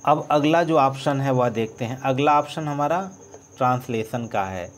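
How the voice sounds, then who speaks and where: A man teaching an English lesson, spelling words out letter by letter as he writes and trailing off softly. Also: medium pitch, expressive, a little slow, vocal fry. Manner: dictates letter by letter, trails off softly while writing. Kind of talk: slow board-writing lesson, spelling out words.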